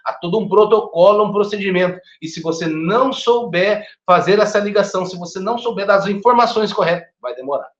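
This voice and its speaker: A man's voice: high voice, brisk, hardly any pauses. Chatty man teaching first aid. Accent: Brazilian Portuguese. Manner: animated and chatty, often checking in with listeners. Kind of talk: online teacher training lecture. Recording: echoey room, dull lo-fi sound.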